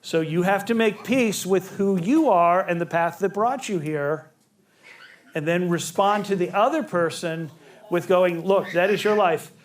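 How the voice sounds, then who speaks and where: A man's voice: sits high, measured pace. A man presenting a family relationships seminar to a group, talking in a conversational way and acting out quoted lines. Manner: conversational, acts out quoted dialogue. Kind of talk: seminar talk to a live group.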